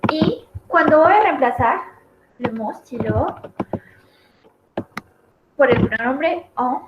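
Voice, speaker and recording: A woman's voice: high-pitched, lively intonation, takes it slowly. A woman teaching a French lesson in Spanish, explaining each example step by step and repeating it. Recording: echoey room, dull lo-fi audio, noisy.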